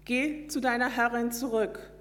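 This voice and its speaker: A woman voicing a gentle, tender angel. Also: on the high side, fairly even intonation, a little slow, in a large hall. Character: gentle male angel of God, calm.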